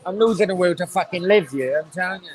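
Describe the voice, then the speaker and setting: Insistent high-voiced man arguing. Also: fast, a little hiss or hum, poor audio. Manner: insistent, sweary, talks over others. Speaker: podcast guest. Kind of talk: heated casual chat.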